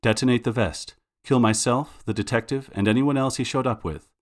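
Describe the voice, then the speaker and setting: A man voicing a shaken, ashamed imam who confesses in a quick, strained rush in a storybook reading. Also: mid-range voice, lightly acted.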